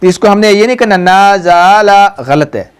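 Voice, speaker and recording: A woman's voice: medium pitch, animated, quick pace. A woman, a Quran teacher patiently guiding a pupil, drawing out each syllable and having it repeated. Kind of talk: patient recitation lesson.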